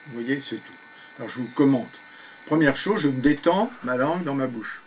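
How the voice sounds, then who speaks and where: Patient and given to short spoken commands, an older man conducts a one-on-one speech therapy session, often asking "you see?" to make sure his pupil keeps up. He talks at normal speed in an expressive, medium-pitched voice; the sound is lo-fi with a little hiss or hum.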